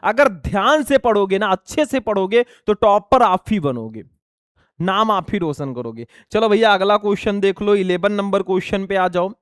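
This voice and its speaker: A young man teaching an exam lesson loudly, almost shouting as he goes through multiple-choice questions and calls the students kids and brothers. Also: high voice, normal speed, no echo, studio quality. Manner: loud, near-shouting delivery; addresses students as bachelon and bhaiya.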